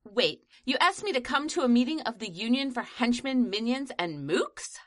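A woman's voice: a little high, big pitch swings, moderate pace, dry recording. A woman playing a self-important female radio news reporter who narrates events dramatically in a comedic audio drama. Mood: dramatic.

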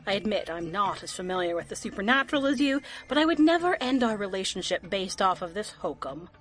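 A woman's voice: medium pitch, big pitch swings, a little fast, a bit bright. An actress playing a witty, skeptical woman detective in an audio drama, speaking in an arch, polite, playfully grandiose way. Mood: breezy, skeptical.

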